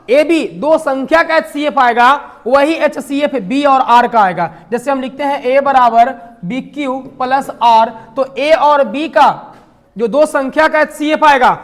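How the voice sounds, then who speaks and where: A man's voice: very high voice, fairly bright tone. A man teaches a math lesson. He keeps quizzing the class and then answers his own questions, with light jokes along the way. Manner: asks the class questions and answers them himself, with jokes in between. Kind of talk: classroom lecture.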